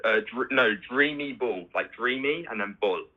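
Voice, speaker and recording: A man's voice: medium pitch, moderate pace, slightly rough. A man calling into a show, chatting casually and tagging his sentences with little asides. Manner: chatty, tags sentences with "you see". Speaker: caller. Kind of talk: casual phone-in chat. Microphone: phone. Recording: dull phone line.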